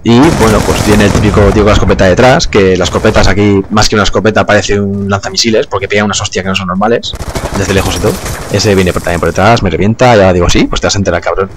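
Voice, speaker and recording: Young guy doing gameplay commentary, lowish voice, laid back, gunfire going off behind him. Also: fast, noisy background. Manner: relaxed, chatty, swears casually, laughs often. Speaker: gaming youtuber. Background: game gunfire and explosions.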